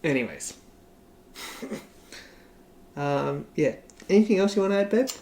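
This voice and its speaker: A man's voice: on the high side, very animated, takes it slowly, creaky, darkish tone. Rambling Australian man, casual sports chat. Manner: rambling, laughs often, heavy use of "like". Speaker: podcast co-host.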